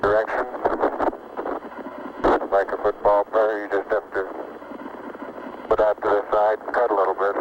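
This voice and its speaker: A man reporting as an astronaut over a radio link with static bursts, measured and halting with frequent pauses. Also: lowish voice, little pitch movement. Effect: radio transmission with static bursts. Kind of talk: radio report while working. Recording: lo-fi archival radio, loud static.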